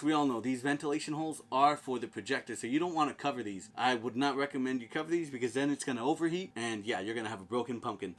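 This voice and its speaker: Mid-pitched man giving a casual review. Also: fairly bright tone. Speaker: product reviewer. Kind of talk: casual hands-on review chat.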